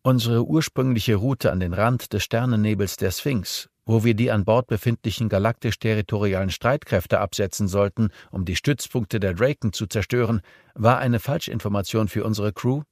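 Ein Mann spricht in einem Hörbuch einen jungen Hacker, trocken und konzentriert. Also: male voice, on the low side, normal speed, a little mellow, dry recording, studio quality. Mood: nüchtern. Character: young male hacker, wry and focused.

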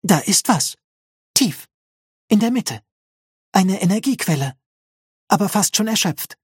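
A man voicing Schwester Grob, a female nurse robot who speaks in a flat, toneless deadpan, in an audiobook. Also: sits high, measured pace, breathy edge, dry recording, studio quality, voice pushed up, exaggerated voice. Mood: clinical.

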